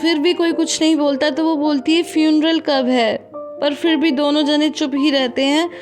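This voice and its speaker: High-voiced woman retelling a drama. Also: little pitch movement, moderate pace, soft background music. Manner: conversational, addresses viewers directly. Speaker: drama recap host. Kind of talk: casual storytelling recap.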